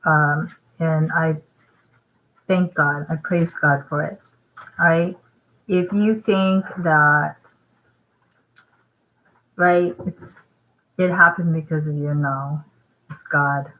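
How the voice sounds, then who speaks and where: Low-voiced woman vlogger from Vietnam. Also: steady tone, slow pace, long pauses, fairly bright tone, low-quality recording. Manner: rambling, emphatic, with frequent "right?" asides; eating while talking. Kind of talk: casual talking-head vlog.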